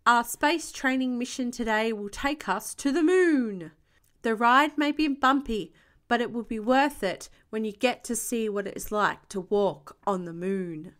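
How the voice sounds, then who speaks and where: A woman voicing a jolly old male rabbit astronaut who booms at the children. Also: unhurried, fairly bright tone. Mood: booming. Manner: booming.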